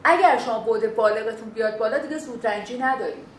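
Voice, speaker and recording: Lady teacher lecturing a class, kinda high voice, acts out little dialogues, roomy echo and some hiss. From Bakhtiari heritage. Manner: animated, acts out quoted dialogue. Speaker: instructor.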